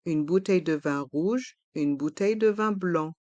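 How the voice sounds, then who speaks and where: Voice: mid-range voice, normal speed, darkish tone, no echo, muffled recording. A pronunciation teacher giving a language lesson, carefully articulating each word and repeating it several times. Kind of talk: pronunciation lesson with slow repetitions.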